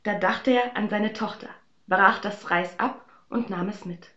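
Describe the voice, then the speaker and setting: A woman's voice: mid-range voice, unhurried, a bit bright, muffled recording. Woman reading a fairy tale in a roomy room. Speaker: storyteller.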